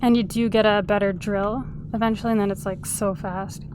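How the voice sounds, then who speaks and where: Speaking a little fast against background noise, this woman keeps a steady, mid-range tone as she hosts a casual let's-play. Her nose is sniffly with a cold, and between chatty remarks she hums and sings small tunes while playing.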